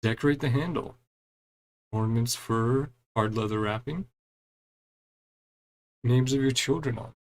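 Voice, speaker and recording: The audio is poor, and this medium-pitched man speaks unhurriedly with long pauses. Streaming a story quest, he reads the characters' lines aloud in an easygoing, chatty manner, murmuring little reactions in between.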